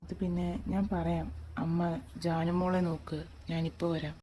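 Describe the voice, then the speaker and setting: A woman playing a gentle, soft-spoken young father. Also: on the low side, little pitch movement, normal speed, natural voice. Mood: soothing. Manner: soft, soothing, hushed. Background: background music.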